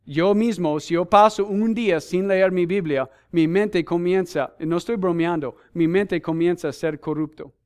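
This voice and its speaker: High, clear-voiced missionary preacher man. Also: unhurried, hardly any pauses, darkish tone. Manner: earnest, emphatic, asks the congregation questions; lists numbered points with scripture references. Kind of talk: sermon.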